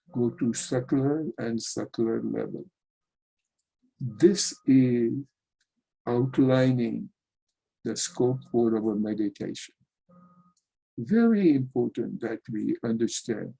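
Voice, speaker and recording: Slow, gravelly man giving a spiritual talk. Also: mid-range voice, warm tone, poor audio. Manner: slow, earnest, addresses listeners as dear friend. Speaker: yoga teacher.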